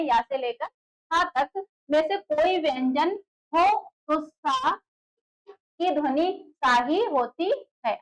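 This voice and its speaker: Woman, high-pitched voice, exam-prep teacher, board lesson, patient explaining, repeats key words, rhetorical questions. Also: poor audio. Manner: asks rhetorical questions then answers them. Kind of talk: classroom lecture at a board.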